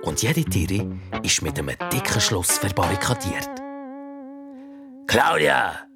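Man, children's story narrator, lively pitch, unhurried, faint music behind. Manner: slow, lively, expressive.

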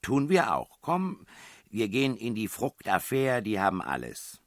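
A man's voice: on the low side, huge pitch swings, no room sound, studio quality, pitched above the performer's own voice, heavily acted. A man reading aloud, voicing a bossy, teasing young woman known as the Princess in a storybook reading. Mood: brisk. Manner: brisk, commanding, teasing.

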